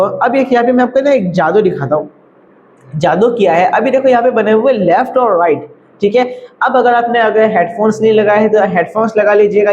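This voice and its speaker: A man's voice: high-pitched, a little mellow, highs cut off, a little hiss or hum. Chatty man teaching video editing. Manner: chatty, repeats "thik hai" and "bhai". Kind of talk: casual screen-recorded tutorial.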